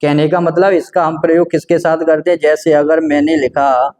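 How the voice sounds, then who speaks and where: Male teacher, high-pitched, patient and repetitive, walking through a grammar lesson. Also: little pitch movement, normal speed, darkish tone. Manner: patient, repetitive, asks and answers his own questions. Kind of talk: grammar lesson explaining at a board.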